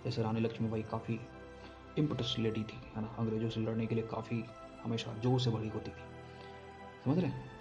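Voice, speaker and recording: A man's voice: on the low side, little pitch movement, fairly quick, long pauses, music in the background. A man teaching exam vocabulary, explaining words and often checking that listeners follow along.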